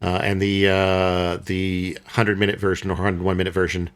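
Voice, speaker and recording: A man with a fairly low voice co-hosts a casual film podcast. He rambles in an easygoing way, restarting sentences and filling pauses with "uh" and "um" as he works out his thoughts. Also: monotone. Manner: rambling, hesitant with many fillers and restarts. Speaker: podcast co-host.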